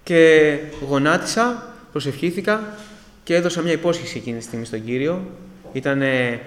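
A man giving an earnest, emotional personal testimony to a church congregation and addressing them as brothers. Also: a little high. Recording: echoey hall with long reverb.

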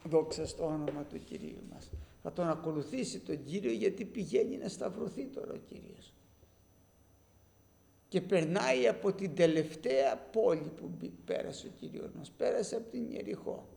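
A man's voice: on the high side, expressive, gravelly, mellow. A man preaching a sermon, telling a story with animation and speaking directly to his listeners as brothers.

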